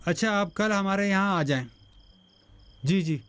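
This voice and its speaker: An eager young son. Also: male voice, high voice, fairly bright tone, clean tone. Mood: brisk. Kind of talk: dubbed TV drama acting.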